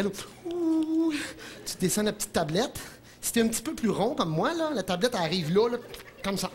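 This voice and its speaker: A man with a Quebec French accent doing an animated stand-up comedy monologue in a television studio, breaking into impressions. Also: high voice. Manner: animated, jumps into shouted impressions, chuckles at own jokes.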